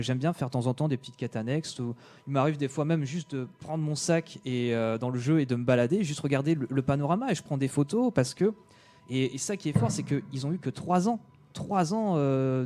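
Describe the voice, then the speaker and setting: A man's voice: mid-range voice, a little fast, dark tone. Hesitant man chatting on radio. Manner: hesitant, many fillers and restarts. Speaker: radio show co-host. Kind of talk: casual radio chat.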